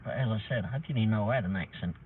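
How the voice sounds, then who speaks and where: A middle-aged Englishman who drives deliveries hosts a meandering, casual livestream, swearing mildly now and then. He talks fast in a lowish voice, and the audio is tinny and phone-like with faint noise underneath.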